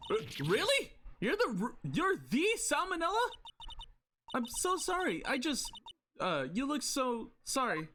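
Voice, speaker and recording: A man voicing a spunky, excitable young woman in a video game, stammering as he reads her lines. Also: extremely high pitch, unhurried, slight background noise, pitched above the performer's own voice, exaggerated voice. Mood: startled. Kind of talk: reading game dialogue aloud.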